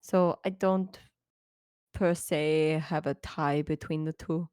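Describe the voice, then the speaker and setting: Young Ukrainian-accented reporter, woman voicing her, halting and unsure, low and dry. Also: steady tone, darkish tone, clean tone, no room sound. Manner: halting, searching for words.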